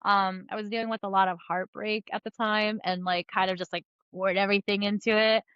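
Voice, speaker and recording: A woman's voice: mid-range voice, flat delivery, a little fast, clean tone, dry recording, lo-fi sound. A woman in her thirties, from New Jersey, sharing her life story on a podcast, talking loosely with many fillers. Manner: rambling with many fillers and laughs. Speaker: podcast guest, comic book artist. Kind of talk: casual conversational interview.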